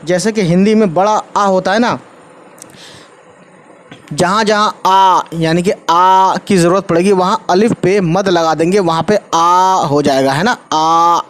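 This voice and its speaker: एक पुरुष उर्दू शिक्षक, आराम से समझाते हुए पाठ पढ़ाता है और बार-बार "ठीक है" कहता है, बीच-बीच में अंग्रेज़ी शब्द मिलाता है।. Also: male voice, high-pitched, steady tone, measured pace, a bit bright. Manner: repeats "ठीक है" often, mixes English words. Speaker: Urdu teacher. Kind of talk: casual explanatory lesson.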